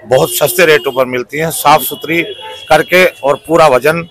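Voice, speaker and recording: A man's voice: fairly high pitch, steady tone, moderate pace, fairly bright tone, slight background noise, rough recording. A man in his fifties, head of a fish market, earnestly promoting it in a street interview at an outdoor market, talking into a handheld mic. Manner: earnest, promotional, lists items in a raised voice. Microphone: handheld lapel mic held up to mouth.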